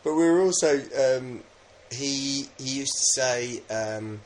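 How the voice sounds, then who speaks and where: A man's voice: medium pitch, slow. A man from England co-hosting a podcast in casual, rambling, jokey chat. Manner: jokey, rambling, with many fillers. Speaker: podcast co-host.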